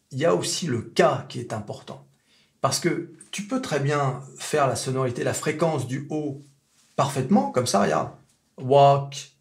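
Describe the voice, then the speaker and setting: Man, French speaker, casual online lesson, joking about himself, slow drawn-out example words, mid-pitched. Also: gravelly. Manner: chatty, self-mocking, slow drawn-out demo words. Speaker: English teacher.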